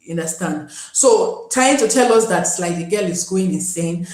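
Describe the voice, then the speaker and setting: A woman's voice: on the low side, animated, normal speed, darkish tone, echoey room, low-quality recording. A Nigerian woman hosting a live stream, chatting casually and pleading with viewers to join. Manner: pleading, chatty, switches into pidgin.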